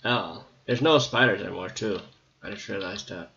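A man's voice: lowish voice, normal speed, gravelly, sharp tone, muffled recording. A man giving casual, rambling gameplay commentary with a slightly scratchy voice, hesitating often with ums. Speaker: gameplay video maker.

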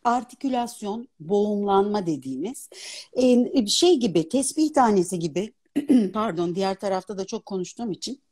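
A woman in her fifties, an opera singer and dubbing artist, talking as a guest in a casual live interview, animated and articulate. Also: mid-range voice, normal speed, breathy edge. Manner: animated, articulate, laughs easily. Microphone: phone on a live video stream.

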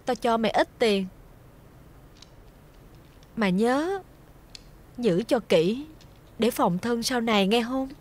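A blunt, kindly senior servant, middle-aged, Southern Vietnamese accent. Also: female voice, a little high, expressive, slow, long pauses. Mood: gruff, soothing. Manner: blunt, scolding yet soothing. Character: older woman servant, gruff but kindly, scolding. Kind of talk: TV folk-tale drama acting.

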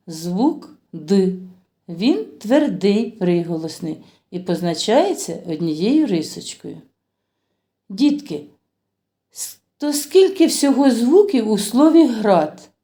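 A woman's voice: mid-range voice, mellow. A woman teaching a phonics lesson to young children. She stretches out each word as she sounds it, asks them questions and praises them. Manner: slow, drawn-out sounding of words for children. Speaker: kindergarten teacher.

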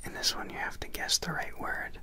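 A man in his thirties reads an ad in a casual, playful ASMR whisper, close to the microphone. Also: fairly quick. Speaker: sponsored ad reader. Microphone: close studio microphone on a desk.

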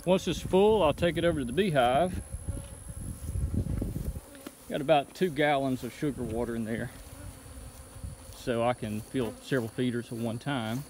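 In a casual how-to vlog, a man in his thirties calmly takes viewers through a beekeeping chore one step at a time, holding his phone camera as he works in an outdoor bee yard. His mid-range voice keeps a normal speed with long pauses, while insects hum clearly all around him.

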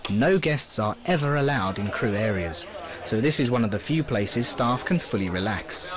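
A man giving scripted documentary narration in a measured, expressive way. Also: medium pitch, a crowd in the background.

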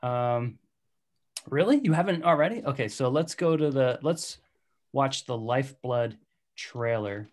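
A hungover man hosts a casual movie podcast over a video call. His pitch sits in the middle for a man, and he talks in a loose, jokey, easygoing way. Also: animated, unhurried. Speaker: podcast host. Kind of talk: casual film podcast chat.

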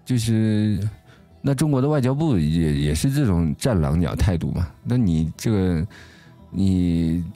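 Deep-voiced man telling a story haltingly. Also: animated, dark tone, faint music behind. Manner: halting, restarts often mid-sentence. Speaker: talk show host. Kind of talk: casual first-person storytelling.

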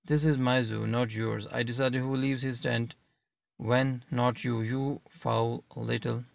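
A man's voice: mid-range voice, little pitch movement, takes it slowly, vocal fry, no room sound. A man reading an audiobook voices an angry zookeeper boss who barks orders harshly. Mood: menacing. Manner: barking, harsh.

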